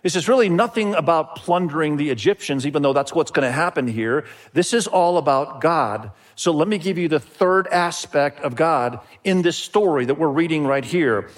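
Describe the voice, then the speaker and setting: A man's voice: a little high, expressive, normal speed, hardly any pauses. A middle-aged man who grew up in Indonesia, preaching a sermon to his church in an earnest way, often repeating phrases and calling out to the congregation. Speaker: pastor.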